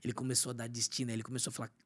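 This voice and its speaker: A man from Brazil, a pastor and podcast guest, telling an emotional personal testimony and often dropping to a hushed voice. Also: medium pitch, completely flat delivery, very fast. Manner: storytelling, often drops to a hushed voice.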